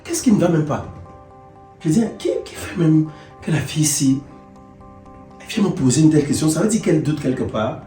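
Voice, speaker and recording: A man playing a domineering, boastful husband who hectors and shouts at his wife in a comedy web series. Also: sits high, lively intonation, moderate pace. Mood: muttering. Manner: blustering, hectoring, rising to shouts. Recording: echoey room, mic far off, music.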